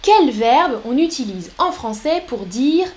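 A woman teaching a live French lesson, speaking slowly and clearly and reading out viewer comments. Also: high voice, sing-song, a little mellow.

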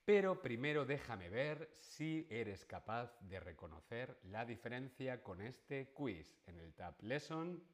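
This is a man from giving an online lesson. His voice sits at an ordinary mid pitch, and he speaks. He moves slowly and patiently, stopping often to ask his viewers questions. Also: big pitch swings. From Spain. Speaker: Spanish teacher.

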